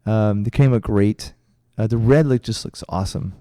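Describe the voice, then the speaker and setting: Middle-aged male co-host, mellow and dry, rambling casual storyteller. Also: lowish voice, normal speed, dry recording. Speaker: podcast co-host, karate instructor. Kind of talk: casual chat.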